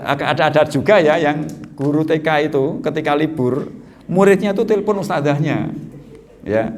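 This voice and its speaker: Guy preaching, fairly high voice, jokey, acts out kids, faint hiss behind. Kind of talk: Islamic study lecture.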